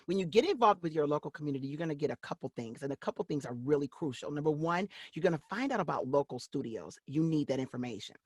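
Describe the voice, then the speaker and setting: Woman, voice-over actress guest, lively swooping pitch, husky tone, excitable, interview chat. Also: fast talker, few pauses, no echo, studio quality. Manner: animated and excitable. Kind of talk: casual interview talk.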